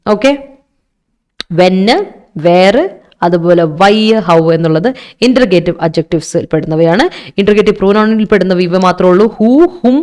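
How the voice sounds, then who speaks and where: A teacher giving an online exam-prep lesson, explaining step by step with many quick self-corrections and frequent checks of "okay". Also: medium pitch, darkish tone, clean tone. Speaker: English teacher for exam preparation. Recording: online class recording.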